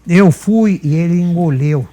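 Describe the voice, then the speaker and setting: A man's voice: on the high side, measured pace. An older man with a São Paulo countryside accent, a humorist guest telling anecdotes and acting out the dialogue. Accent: São Paulo countryside (caipira). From Brazil. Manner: lively storyteller acting out dialogue. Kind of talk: anecdotal storytelling.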